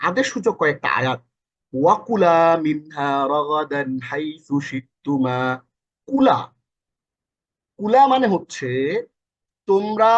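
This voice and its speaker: A fairly high-pitched man with a Bangladeshi accent teaches a recorded lesson, repeating each meaning several times and fixing his own slips as he goes. His voice is a little breathy, and the recording sounds dull and lo-fi. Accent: Bangladeshi Bengali. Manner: corrects himself mid-lesson. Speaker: Quran teacher. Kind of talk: recorded lesson explaining Arabic verses.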